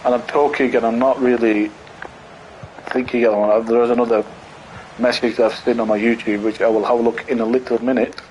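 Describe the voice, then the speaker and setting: A man talks over his football game in a loose, rambling way, greeting viewers between plays. His voice sits in a middling pitch and gets excitable at the big moments. A faint hum sits behind him. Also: fairly quick, low-quality recording. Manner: rambling, chatty, talks to viewers while playing; excitable bursts at goals. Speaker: gaming channel host. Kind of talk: live football game commentary.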